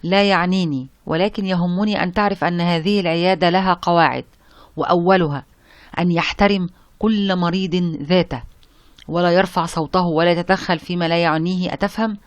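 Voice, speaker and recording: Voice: medium pitch, fairly even intonation, brisk, no echo, lightly acted. A reader voicing a harsh young male doctor who scorns women, with a stern, cutting delivery.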